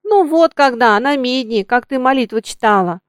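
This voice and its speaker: A woman reading an audiobook and voicing a gruff, teasing old male coachman. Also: sits high, lively intonation, normal speed, no room sound, clean studio sound, voice pushed up.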